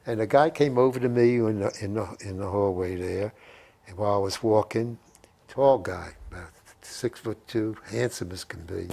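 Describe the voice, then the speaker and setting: In his living room, wearing a lapel mic, an elderly WWII veteran in his eighties is interviewed and drifts through anecdotes. His voice is lowish, gravelly and darkish, and he keeps repeating phrases and quoting remembered conversations.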